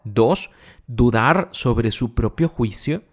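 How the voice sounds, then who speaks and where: A man's voice: mid-range voice, expressive, takes it slowly. A man giving an informal, explanatory talk on relationships, speaking conversationally with frequent restarts. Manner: conversational, explains patiently with many restarts and everyday examples.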